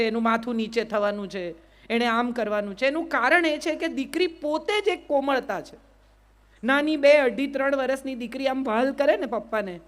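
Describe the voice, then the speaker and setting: Brief: middle-aged Gujarati woman, high voice, motivational speaker, quizzes the crowd. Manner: asks the crowd rhetorical questions, repeats "yes or no". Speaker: public speaker. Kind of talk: motivational speech to a live audience.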